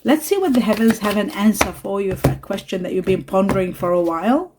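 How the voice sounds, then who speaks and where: A woman giving a spiritual tarot reading to her viewers, talking softly and reassuringly, pausing with fillers and asides. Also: mid-range voice, animated, background noise. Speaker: tarot reader. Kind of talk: spiritual card reading to camera.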